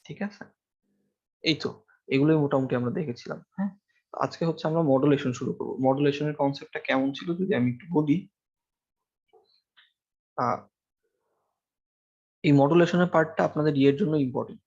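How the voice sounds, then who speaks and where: Fairly high-pitched and darkish, a university lecturer talks fairly quickly, pausing often, and the audio is dull. Speaking through an amplified microphone in the classroom, he explains the lesson step by step, asks his students questions, and uses many fillers.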